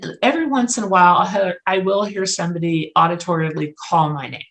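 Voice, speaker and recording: A middle-aged woman, a psychic medium guest, chatting casually and telling lively anecdotes. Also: lowish voice, fast. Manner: lively anecdotal storyteller, acts out dialogue. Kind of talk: casual storytelling chat.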